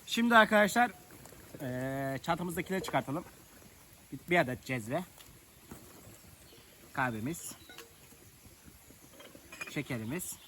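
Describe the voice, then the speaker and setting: A man with a fairly high, pushed and bright voice and lively intonation vlogs outdoors in rural nature, chatting and joking with viewers as he lights a fire. He speaks unhurriedly with long pauses, and slight background noise is audible.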